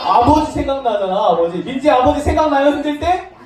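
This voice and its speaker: A woman's voice: high voice, fast talker, background noise. A woman giving a children's sermon in church, asking the children questions and acting out the story playfully. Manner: animated, asks children questions, acts out lines playfully. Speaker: children's Sunday school teacher. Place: church classroom. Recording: distant mic in an echoey room.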